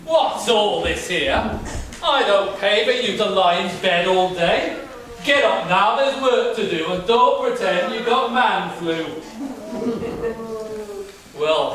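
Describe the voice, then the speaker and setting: A man's voice: high voice, fairly bright tone. A man playing a stern, scheming wealthy father in a pantomime, declaiming pompously in rhyme. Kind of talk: rhyming stage pantomime villain acting. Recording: distant, very echoey, noisy stage recording.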